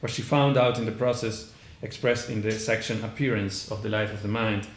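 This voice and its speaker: A conference panelist with an Argentine accent reads an academic lecture from his notes in a conference room, his lowish voice steady and his pace moderate. He sounds hesitant, restarting often and filling gaps with "uh." The room is echoey, with faint noise in the background.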